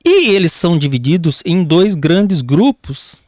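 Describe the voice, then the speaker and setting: A man with a Brazilian accent teaching a grammar lesson for an exam, often calling the class "pessoal" and drawing out key words slowly while he writes on a board. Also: fairly high pitch, very animated, a little mellow, no echo, clean studio sound. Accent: Brazilian Portuguese. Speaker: Portuguese teacher.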